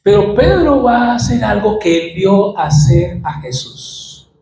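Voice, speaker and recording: A man with a Colombian Spanish accent preaches slowly in a high voice, acting out the scenes he describes. His words ring through a reverberant church hall over a faint room hum. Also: big pitch swings, dark tone. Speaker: pastor. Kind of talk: sermon.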